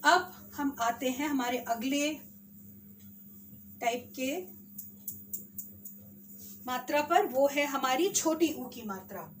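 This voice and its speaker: A woman teacher with an Indian accent, slowly sounding out words for children in a spelling lesson. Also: sits high, distant mic, slight background noise. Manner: slow, drawn-out sounding of words.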